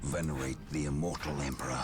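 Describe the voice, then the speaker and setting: A man's voice: a bass voice, fairly even intonation, quick pace, a crowd in the background. A male actor voicing a grave, formal, zealous military commander in a grim sci-fi video game. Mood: menacing zeal. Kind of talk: video game dramatic acting. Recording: game audio with music behind.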